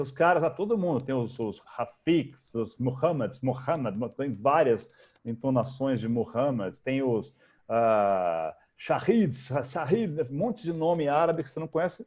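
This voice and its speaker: A man with a Brazilian Portuguese accent, a guest telling lively, slangy anecdotes in a casual interview. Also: mid-range voice, moderate pace. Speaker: guest, futurist.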